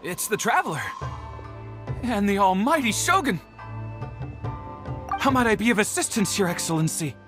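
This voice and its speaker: A flustered, obsequious servant played by an actor speaks with very lively, swinging pitch. The game character stammers humbly and is eager to please, over clearly audible music. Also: normal speed, long pauses, natural voice. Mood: respectful. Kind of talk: video game character acting.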